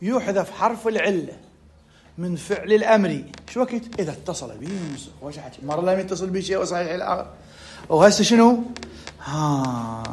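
Brisk Iraqi man teaching grammar. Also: high voice, slight background noise. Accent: Iraqi Arabic. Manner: questioning, explains with rhetorical questions and asides. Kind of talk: conversational grammar lesson.

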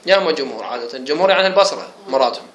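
A man's voice: mid-range voice, expressive, racing, fairly bright tone, highs cut off, slight background noise. A man teaching grammar in a classroom, explaining points and quizzing his students. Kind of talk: classroom lecture. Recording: echoey room.

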